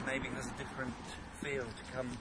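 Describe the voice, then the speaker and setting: A man's voice: medium pitch, flat delivery, brisk. A man leading a city walk, commenting on the route and asking reflective questions. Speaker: walk leader and interviewer. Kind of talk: casual conversation and route commentary. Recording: loud outdoor traffic noise.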